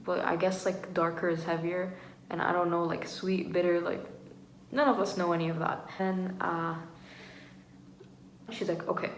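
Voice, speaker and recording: A woman's voice: lowish voice, fairly even intonation, measured pace, pauses often. A young woman travel vlogger telling stories in casual chat, rambling and full of filler "like"s. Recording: echoey room with faint noise.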